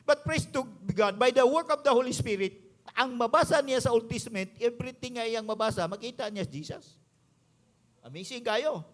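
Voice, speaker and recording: A man's voice: very high-pitched, normal speed. A male pastor with a Visayan Filipino accent, preaching an emphatic sermon that moves between English and his local language.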